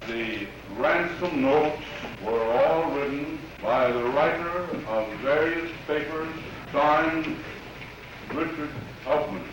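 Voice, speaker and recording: A man giving a formal, deliberate statement in an old 1930s newsreel recording. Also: on the high side. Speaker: witness giving a statement on handwriting evidence. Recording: echoey, noisy 1930s newsreel, far from mic.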